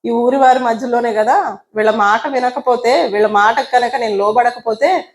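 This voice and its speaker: A woman's voice: a little high, moderate pace, lightly acted. A woman voicing a fearful blind beggar. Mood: worried. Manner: worried musing to himself. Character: poor blind male beggar, fearful and hesitant. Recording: roomy echo.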